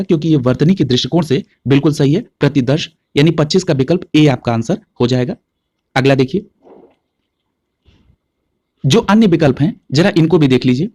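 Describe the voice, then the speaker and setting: In clean studio sound with no echo, a man with a high, slightly mellow voice teaches an exam-prep lesson. He works methodically through past paper questions step by step, checking in with listeners often.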